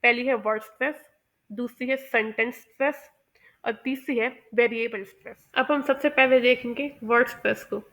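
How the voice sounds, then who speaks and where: A woman teaching pronunciation, explaining carefully and often pausing with "uh". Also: fairly high pitch, steady tone, a bit bright. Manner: measured and explanatory, with many "uh" pauses. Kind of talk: explanatory lesson.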